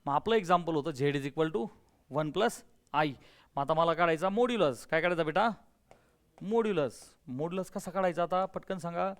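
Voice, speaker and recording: A man teaching a maths class in a classroom, energetic, firing questions at students and urging them to answer loudly. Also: on the high side, moderate pace. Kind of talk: classroom lecture with call-and-response.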